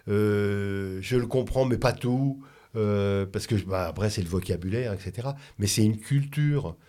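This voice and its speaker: Reflective Frenchman, halting and thoughtful. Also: lowish voice, a little mellow. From France. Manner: reflective, halting with many restarts. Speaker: guest. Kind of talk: conversational radio talk.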